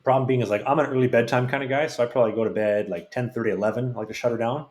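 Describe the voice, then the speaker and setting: A man's voice: mid-range voice, fairly even intonation, rapid-fire, a little mellow. A man who is a podcast guest tells frank, rambling anecdotes in a casual storytelling way, with many restarts. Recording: roomy echo.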